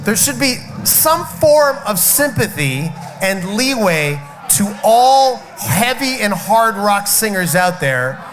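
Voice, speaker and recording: This guest rock singer's high-pitched voice is very animated, moving at a slow pace with few pauses as he chats backstage at a festival. Emphatic and outspoken, he swears and has a slight cough and cold. Loud music plays behind the poor-quality audio.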